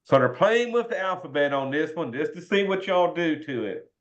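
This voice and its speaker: A man's voice: a little high, lively intonation, moderate pace. A man with a Southern US accent teaching algebra informally in a folksy way, working through problems step by step. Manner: folksy, says y'all often. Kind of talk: informal worked-example math lesson. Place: indoors, online video class. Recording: dull lo-fi online class audio.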